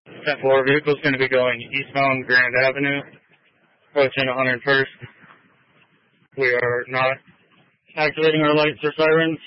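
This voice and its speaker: A man's voice: mid-range voice, flat delivery, moderate pace, pauses often, no echo. Terse male police officer on the radio. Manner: terse, procedural radio talk. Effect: police radio transmission. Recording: muffled lo-fi radio sound.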